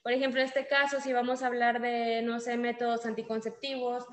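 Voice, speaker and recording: A woman with a Mexican accent lectures her class, explaining step by step and thinking aloud as she goes. Her voice sits slightly high and carries a roomy echo. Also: flat delivery, a little fast. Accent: Mexican Spanish. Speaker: teacher. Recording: echoey room.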